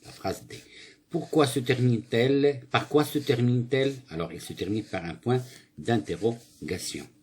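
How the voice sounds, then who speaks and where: A male primary school teacher works through a grammar exercise, reading and explaining it, posing questions and answering them himself while fixing his own slips. His voice is mid-range, a little mellow and husky, at a moderate pace.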